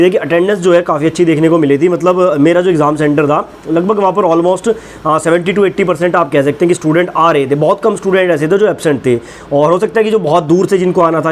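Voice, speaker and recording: Young male vlogger for exam prep; quick, earnest, direct advice delivery with a faint hiss on the track. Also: on the high side. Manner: earnest, direct, reassuring with "ठीक है ना" asides. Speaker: YouTube exam-prep channel host. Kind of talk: casual advice talk to viewers.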